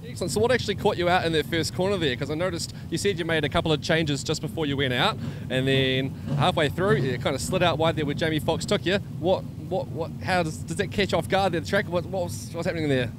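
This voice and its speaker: A man's voice: on the high side, quick pace. A man with a broad New Zealand accent interviewing as a pit reporter at a speedway. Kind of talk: trackside interview. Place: outdoors in speedway pits. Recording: noisy outdoor speedway, engines behind.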